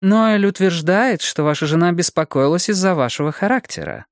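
A male narrator puts on a persistent woman detective from an audiobook, her voice lifted well above his own. She presses with brisk, pointed questions. The recording is dry and close. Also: high-pitched, lively intonation, no room sound, voice pushed up. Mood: pressing. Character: sharp, persistent female police detective. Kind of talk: audiobook character voice.

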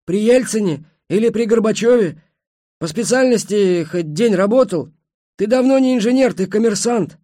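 A man voicing an excitable male musician who speaks with teasing irony. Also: high-pitched, normal speed, no room sound, clean studio sound, pitched above the performer's own voice. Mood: mocking. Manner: ironic, teasing.

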